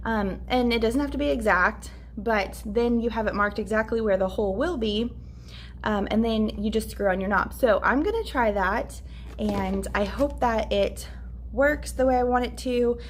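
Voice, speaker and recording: A woman's voice: fairly high pitch, moderate pace, a little hiss or hum. A young woman teacher in her twenties chatting casually while setting up her classroom, upbeat and full of fillers. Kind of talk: casual vlog narration.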